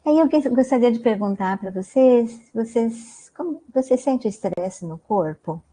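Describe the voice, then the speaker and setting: A woman's voice: a little high, expressive, normal speed, warm tone. A woman with a Brazilian Portuguese accent giving an online mindfulness talk, conversational, often tagging sentences with "né?" and asking her listeners questions. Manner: conversational, many "né?" tags, asks the audience questions. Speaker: guest lecturer on mindfulness.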